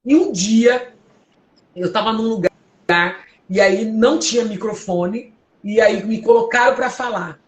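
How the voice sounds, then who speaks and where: Recorded at home in an echoey room with a faint hum, a deep-voiced Brazilian woman preaches and shares her testimony. Her powerful, strong voice is unhurried, and she exhorts listeners with earnest emotion.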